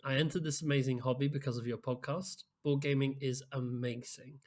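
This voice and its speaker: A man's voice: medium pitch, steady tone, a little fast, darkish tone. Man, rambling podcast co-host. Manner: rambling, many fillers like "like" and "um". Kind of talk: casual chat, reading listener messages.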